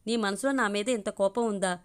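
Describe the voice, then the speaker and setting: A woman voicing a quick-tempered, spirited young woman in a spoken audio story. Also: mid-range voice, clean tone, lightly acted. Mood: pleading.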